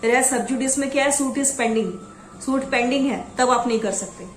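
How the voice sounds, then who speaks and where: A woman's voice: high voice, echoey room, slight background noise. Woman tutor reading law topics aloud. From Assam. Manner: instructive, reads out headings slowly, then explains. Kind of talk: exam coaching lesson.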